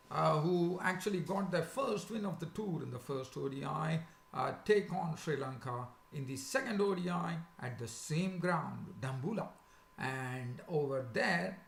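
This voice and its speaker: A man with a sore, swollen-sounding throat, hosting a casual, unscripted cricket preview in a halting, hesitant way. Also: on the high side, vocal fry. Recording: echoey, roomy sound.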